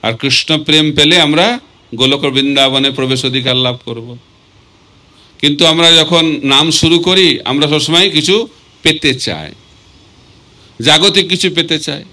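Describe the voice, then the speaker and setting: A man giving a devotional sermon, asking rhetorical questions and reciting verses slowly. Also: on the high side, sharp tone. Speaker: swami preacher.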